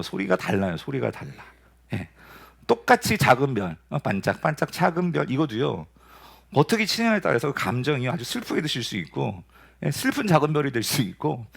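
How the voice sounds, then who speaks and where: A man in his forties preaching a sermon as pastor, asking the congregation questions and answering them himself. He jumps high with excitement, then drops to soft, tender calls. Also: vocal fry.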